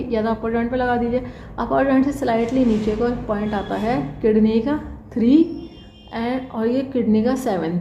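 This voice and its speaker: Woman teaching acupressure, mellow highish voice, echoey room, a bit dull. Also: a little hiss or hum. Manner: instructive, frequent "theek hai" check-ins. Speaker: acupressure instructor. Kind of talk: demonstration tutorial.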